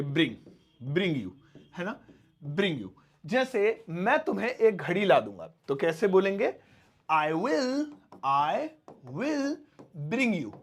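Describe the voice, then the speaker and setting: A chatty man teaches beginners English, his voice sitting high for a man. He jokes as he goes and slips into quick little example lines to show how phrases are used. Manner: chatty, joking, acts out short example lines. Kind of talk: spoken English lesson.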